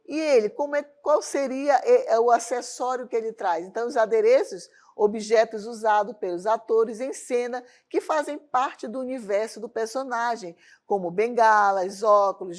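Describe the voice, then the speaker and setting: A woman teaching a televised arts lesson, often checking in with the class through rhetorical questions. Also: on the high side. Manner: asks rhetorical questions to the class, tag questions like "certo?". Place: lesson studio with a loom as a prop.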